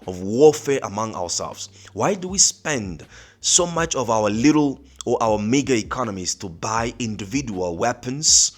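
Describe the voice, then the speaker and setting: A man in his thirties speaking to camera as a party spokesman, earnest and emphatic, often pausing with fillers and restarts. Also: mid-range voice, expressive. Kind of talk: political commentary to camera. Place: small dim studio room with colored lights. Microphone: studio mic on arm in front.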